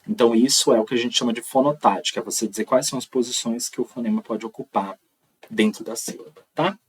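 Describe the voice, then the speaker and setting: A man's voice: mid-range voice, quick pace, husky, far from the mic, poor audio. A man with a Brazilian accent teaching an online lecture, explaining step by step and checking in with frequent "tá?". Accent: Brazilian Portuguese.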